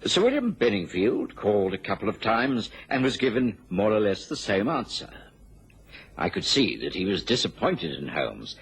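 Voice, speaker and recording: Doctor Watson, a low, husky gentleman. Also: exaggerated voice. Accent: British. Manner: formal, expressive. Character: proper, earnest Victorian doctor, detective's loyal companion. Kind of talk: radio drama acting and narration.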